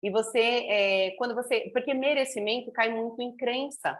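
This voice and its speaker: A woman's voice: a little high, steady tone, normal speed. A woman speaking thoughtfully in a casual conversation, explaining her ideas step by step. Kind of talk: casual reflective chat.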